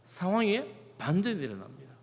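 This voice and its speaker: A man's voice: high-pitched, sing-song, fairly quick. A middle-aged male pastor preaching a sermon, acting out quoted prayers and words in shifting tones. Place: church sanctuary. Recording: long hall reverb.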